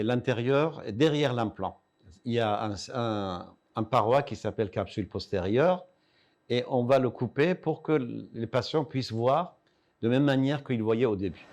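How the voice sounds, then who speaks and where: In this interview, an older Iranian eye doctor, 60 or above, presents his equipment and work in a didactic way, raising his own questions and answering them. He speaks at medium pitch with a somewhat dark tone.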